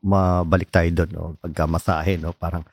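Filipino guy interviewing, deep husky voice, soft and chatty, mixes in english. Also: little pitch movement, moderate pace, no room sound. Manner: soft-spoken, mixes English into Tagalog, many short backchannels. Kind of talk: casual interview.

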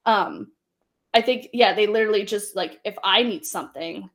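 A woman's voice: mid-range voice, moderate pace, a bit bright. A pregnant woman in her thirties chatting casually as a podcast co-host, laughing often and trailing off into fillers. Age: 30s. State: pregnant, tires quickly. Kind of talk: casual chat.

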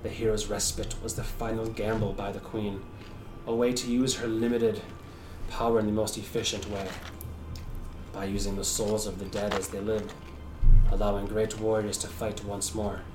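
A man voicing a grave Shadar-Kai warrior, formal, measured and portentous, in a tabletop game. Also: on the low side, level tone, over music, close to an everyday voice. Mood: solemn. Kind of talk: tabletop game character acting. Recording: roomy, distant mic with background noise.

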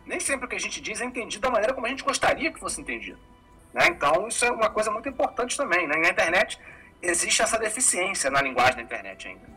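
A man's voice: high-pitched, sing-song, fast, sharp tone, breathy edge, soft background music, poor audio. A man hosting a casual discussion, explaining ideas thoughtfully. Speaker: host.

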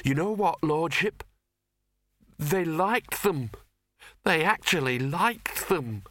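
A man's voice: a little high, lively intonation, slow pace, fairly bright tone, no room sound, pitched above the performer's own voice. A man voicing a nervous male servant who whines and stammers in fear. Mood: nervous whining. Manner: whining, stammering, fearful.

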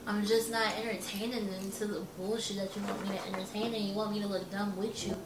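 A woman's voice: medium pitch, little pitch movement, fast talker, recorded from a distance, background noise. Blunt laughing woman in a roomy echo. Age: 20s. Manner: blunt, laughs often, swears freely. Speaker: podcast co-host. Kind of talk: casual chat. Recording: roomy echo, a bit off-mic.

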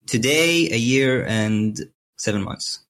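A man's voice: mid-range voice, takes it slowly, a bit bright. A young man from Syria, a podcast guest, answering hesitantly with many fillers. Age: young adult. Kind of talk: casual interview answers.

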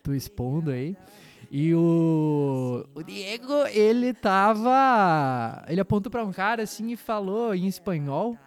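A young man on a casual podcast, his voice sitting a little high and swinging from loud bursts to mumbled asides as he tells a story. He talks in slang. Faint music plays behind him. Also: slow pace, clean tone. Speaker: podcast co-host. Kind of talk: casual chat.

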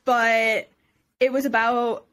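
A woman's voice: on the high side, level tone, takes it slowly, a bit bright. A young woman co-hosting a casual podcast chat, rambling and filling her talk with "like". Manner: rambling, heavy use of "like". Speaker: podcast co-host.

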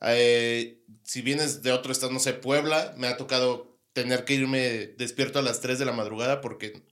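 A man's voice: medium pitch, steady tone, moderate pace, a bit bright. Hungover Mexican man, joking casually. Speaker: guest stand-up comedian.

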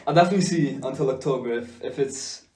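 A man's voice: medium pitch, quick pace, darkish tone, recorded from a distance. Teen male, laid-back, casual, echoey room, off-mic, audible hiss. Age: teens. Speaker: podcast co-host. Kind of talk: casual chat.

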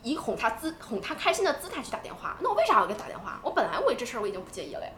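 A woman co-hosting a podcast in casual chat, animated and talking in quick bursts with restarts. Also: fairly high pitch, roomy sound. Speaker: podcast co-host.

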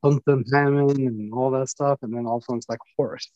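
A man's voice: medium pitch, fairly even intonation, quick pace, mellow, no echo, muffled recording. A man raised in the United States after an early childhood in Egypt, talking plainly and asking questions on a video call. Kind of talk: casual chat.

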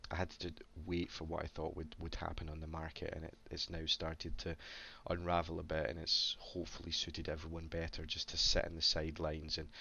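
Low, flat-voiced man with a slight cough. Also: brisk, gravelly, few pauses, muffled recording, slight background noise. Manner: rambling, many stammered restarts. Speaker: crypto AMA host. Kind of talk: casual live Q&A chat.

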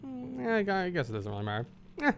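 A man's voice: sits high, fast, vocal fry, a crowd in the background. A man co-hosting a podcast, chiming in with short, joking reactions in casual chat. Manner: brief reactive interjections, lively and joking. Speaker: podcast co-host.

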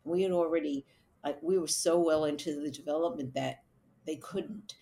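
A woman's voice: low-pitched, fairly even intonation, normal speed, mellow. A middle-aged woman, an event producer, answering interview questions in a chatty, storytelling way and laughing now and then. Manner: chatty, laughs while telling stories.

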